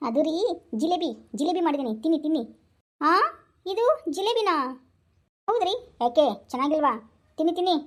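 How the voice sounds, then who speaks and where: A woman plays a bossy young wife in a cartoon, with a North Karnataka accent. The voice is high and fast. She orders her husband around and sweet-talks him for money. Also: animated. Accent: North Karnataka Kannada. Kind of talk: cartoon voice acting.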